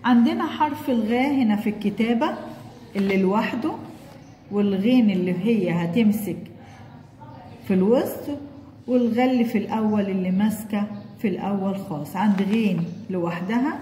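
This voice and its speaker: An Egyptian woman teaching kindergarteners, slowly sounding out letters and syllables as she coaxes the child along. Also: medium pitch, dark tone. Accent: Egyptian Arabic. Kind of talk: recorded lesson for young children. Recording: echoey room with long reverb, faint background noise.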